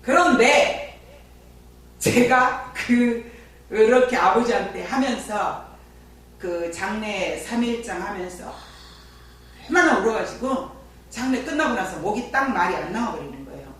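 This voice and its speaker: Heard from afar in a very echoey church with a faint hum, a female pastor shares stories from her own life in her sermon and talks back and forth with the congregation in a lively way. She speaks in a mid-range voice at a measured pace, far from the microphone.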